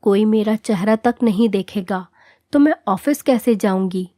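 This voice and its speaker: A woman voicing a calm young wife reasoning. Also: mid-range voice, measured pace, dry recording, clean studio sound, close to an everyday voice. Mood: worried. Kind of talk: storybook narration.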